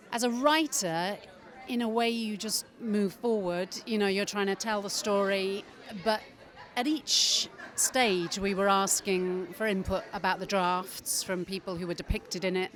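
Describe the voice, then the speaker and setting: A woman with a medium-pitched voice speaks in a red carpet interview as a screenwriter. She is measured and earnest, with faint crowd chatter around her.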